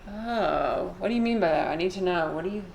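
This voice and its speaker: Her lowish voice is creaky and darkish, moving a little fast over slight background noise. She's a woman in her twenties playing a video game on a live stream, chatting casually, rambling, swearing freely, and replying to chat.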